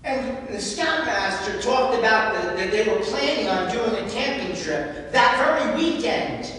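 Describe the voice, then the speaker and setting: A man's voice: high-pitched, lively intonation, measured pace, a bit bright. A man giving a sermon, telling personal stories and sometimes moved by emotion. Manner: personal storytelling, emotional at times. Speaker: homilist. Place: large church. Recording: echoey church hall from far off.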